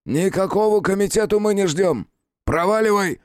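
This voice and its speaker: A man voicing a gloomy, hard-bitten boss who speaks in curt bursts with a harsh, croaking voice. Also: fairly low pitch, expressive, slow, dry recording, clean studio sound. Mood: gruff. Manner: curt, growling.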